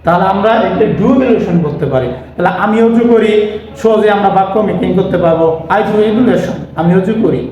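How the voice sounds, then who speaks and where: Man, English teacher, spells words letter by letter, asks and answers himself, fairly high voice, very echoey room. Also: moderate pace, darkish tone. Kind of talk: spelling-out vocabulary lesson. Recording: very echoey room, faint noise.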